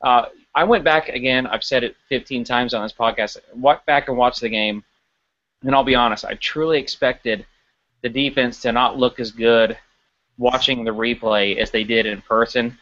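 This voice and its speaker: A man's voice: mid-range voice, normal speed. Man talking sports on a dull-sounding podcast. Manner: animated, stumbling restarts while analyzing. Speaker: podcast co-host. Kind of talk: casual sports podcast chat.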